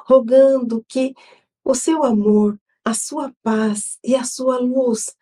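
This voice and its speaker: A Brazilian woman hosting an online Spiritist gospel study, leading an opening prayer and reading a devotional text in a solemn, measured way. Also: fairly high pitch, fairly even intonation, mellow. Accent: Brazilian Portuguese. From Brazil, São Paulo state.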